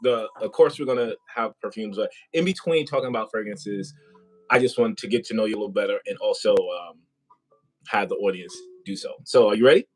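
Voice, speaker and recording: A man's voice: lowish voice, brisk, rough recording. A man hosting a casual live interview, chatty and rambling with many fillers. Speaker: host. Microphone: compact wireless mic.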